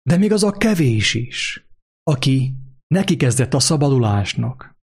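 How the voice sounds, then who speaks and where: A man reading aloud and voicing a bewildered child who asks questions in a hushed voice. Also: mid-range voice, sing-song, husky. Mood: puzzled. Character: bewildered young boy.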